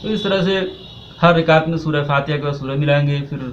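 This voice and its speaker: A man's voice: fairly high pitch, fairly quick, a little hiss or hum. Man teaching prayer rules, dull lo-fi. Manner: explains step by step, repeating himself with fillers. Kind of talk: religious instruction lesson. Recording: dull lo-fi sound.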